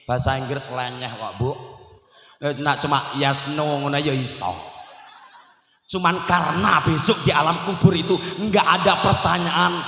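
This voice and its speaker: Joking preacher in an echoey hall. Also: male voice, on the high side, steady tone, moderate pace, creaky, sharp tone, soft background music. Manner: joking, mixes languages, acts out quotes. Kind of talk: humorous religious sermon. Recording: echoey PA sound with long reverb.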